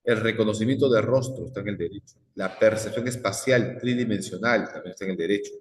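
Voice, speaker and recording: A man's voice: on the low side, fast. A male psychology teacher, lecturing a class and firing repeated questions at the students. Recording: echoey classroom with long reverb.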